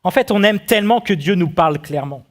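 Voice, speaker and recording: A man preaching a sermon as pastor, animated and full of rhetorical questions to his congregation. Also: high voice, fast talker. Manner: acts out the quotes he tells.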